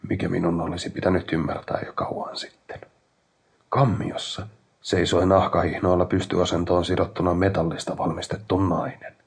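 A man narrating a horror story in a slow, hushed delivery, sometimes nearly whispering. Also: low voice, gravelly, husky. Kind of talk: scripted horror audiobook narration.

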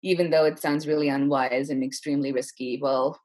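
Her voice is extremely low, steady and a little mellow, moving at a brisk clip. She's a woman in her thirties from Chennai, India, recounting her story chattily and informally as an interview guest, with plenty of "like."

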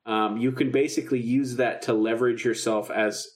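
A man co-hosts a podcast, enthusiastically recapping a radio drama in casual fan talk. His voice is medium-pitched with fairly even intonation at a normal speed.

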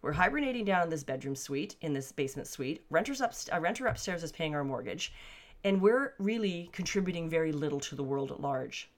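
Low-voiced older woman musing candidly. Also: expressive, fairly quick. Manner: candid, conversational, thinking aloud. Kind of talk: personal reflective monologue. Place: basement suite at home.

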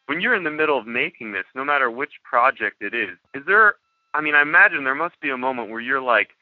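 A man's voice: mid-range voice, animated, fast, dry recording. A male podcast host asking curious questions and agreeing often in a casual interview. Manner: curious, with lots of agreeing backchannels. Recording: dull lo-fi dry sound.

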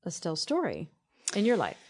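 A woman hosting a casual interview, mostly offering short, supportive replies. Her questions come in an easy conversational tone. Her voice is a touch low. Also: huge pitch swings, fairly quick, darkish tone, husky. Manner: supportive, brief backchannels. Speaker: podcast host.

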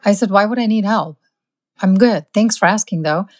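A woman physician, appearing as a guest, tells workplace anecdotes in casual conversation, sounding emphatic and indignant. Born in India and raised in the US, she speaks at a normal speed in a mid-range voice.

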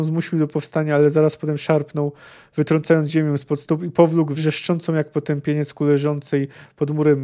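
A man hosts a book discussion podcast, reading passages and musing hesitantly, with frequent fillers. His voice sits slightly high and sounds mellow and relaxed. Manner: hesitant, thinking aloud with many fillers. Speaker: podcast host.

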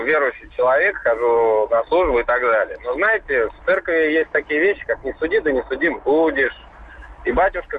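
A middle-aged man calling in to a radio show over the phone, talking in a rambling way with lots of fillers. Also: a little high. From Russia. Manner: rambling, conversational, with many fillers. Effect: phone line. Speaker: caller. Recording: tinny phone line.

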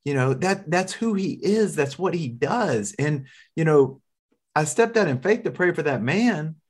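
A man's voice: on the high side, animated, unhurried, slightly rough. A man telling a healing testimony in an earnest, conversational way, often repeating words as he starts. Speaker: minister sharing a testimony.

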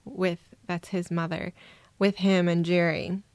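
A woman from Minnesota, a guest on an interview podcast, telling her personal story in a reflective, soft-spoken way. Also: fairly low pitch, flat delivery, unhurried, no room sound. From Minnesota, USA. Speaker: guest adoptee.

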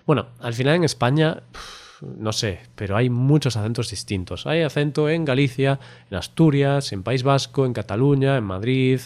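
A man's voice: mid-range voice, a little mellow. A man hosting a casual podcast chat. He explains at length and keeps tagging his points with a questioning "¿no?". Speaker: podcast host.

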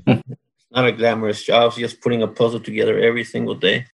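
A man from Mexico speaks in a relaxed interview. His voice is gravelly and a bit husky. He talks plainly, with a dry sense of humor. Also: medium pitch, fast talker, poor audio. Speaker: guest, oilfield solids control worker. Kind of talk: casual interview.

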